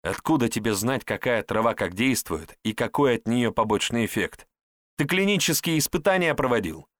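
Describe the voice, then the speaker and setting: A man's voice: medium pitch, animated, moderate pace, a bit bright, dry recording, pitched above the performer's own voice, lightly acted. A man voicing a blunt, sardonic male hero who speaks in a mocking, scornful way. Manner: mocking, scornful, plain-spoken.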